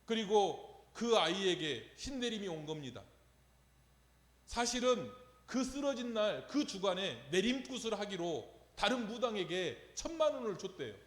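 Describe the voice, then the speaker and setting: A pastor preaches at a measured pace in a high, very animated voice, telling a story and asking his congregation rhetorical questions. The sound is an echoey church sanctuary with long reverb.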